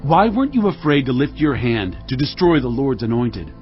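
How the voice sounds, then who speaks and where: An actor playing a commanding, grief-laden biblical warrior king in a dramatized audio Bible, declaiming slowly and solemnly. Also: mid-range voice, very animated, muffled recording, faint music behind, lightly acted. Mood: stern, accusing. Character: David, grieving, commanding warrior king of Israel.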